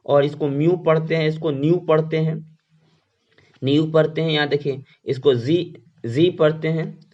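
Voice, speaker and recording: A man teaching a lesson who slowly asks questions and then answers them himself. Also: a little high. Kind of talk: classroom lecture. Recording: dull lo-fi sound.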